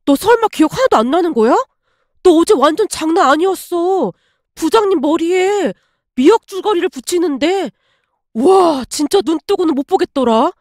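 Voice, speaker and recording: A woman voicing a blunt, easygoing young office coworker who talks fast. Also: extremely high pitch, expressive, no room sound, studio quality. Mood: blunt excited.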